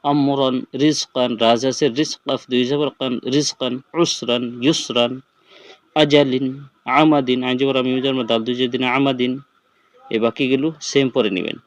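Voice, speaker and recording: A man's voice: medium pitch, fairly even intonation, clean tone, no echo. Man drilling Quran letter sounds. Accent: Bangladeshi Bengali. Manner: spells out letters and sounds slowly, repeating drills. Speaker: Quran reading teacher. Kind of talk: step-by-step recitation lesson.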